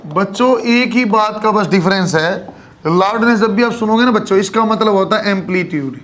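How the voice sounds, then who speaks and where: A man with a high-pitched voice and a Haryanvi Hindi accent lectures on physics to a class. He speaks in a steady classroom style, keeps calling his students "kids" and checks in with them as he explains. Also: moderate pace. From Haryana, India. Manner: addresses students as kids, frequent check-ins. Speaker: physics teacher.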